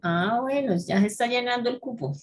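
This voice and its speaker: Husky woman chiming in. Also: a little high, brisk. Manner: brief chiming reactions. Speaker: law student. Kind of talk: casual chat before class.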